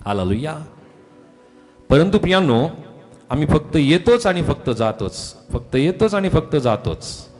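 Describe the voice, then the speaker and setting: A man preaching a sermon as pastor, often calling out hallelujah and swinging between loud calls and quiet asides. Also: on the high side, big pitch swings, unhurried, long pauses, long reverb tail. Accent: Marathi. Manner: repeats hallelujah, swings from shouts to soft asides. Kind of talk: Marathi sermon.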